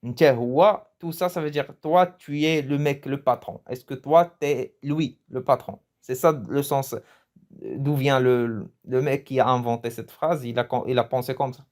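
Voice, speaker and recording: A man's voice: mid-range voice, steady tone, measured pace, darkish tone. A man from Morocco giving a casual, chatty language lesson, often restarting his phrases and laughing at his own jokes. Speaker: language teacher.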